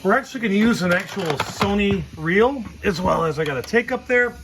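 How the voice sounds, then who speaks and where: A vintage audio hobbyist presents a casual hands-on equipment demo, explaining things informally and thinking aloud. His voice is fairly high and a bit bright, with music playing behind him.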